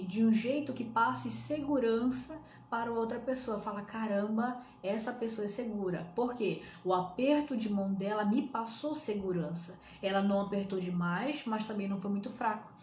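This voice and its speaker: A woman's voice: medium pitch, normal speed, a little mellow. Brazilian woman coaching with rhetorical questions. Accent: Brazilian Portuguese. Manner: explains step by step with rhetorical questions. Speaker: coach on shyness. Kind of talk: live-stream advice talk. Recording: echoey room, dull lo-fi sound, faint hiss.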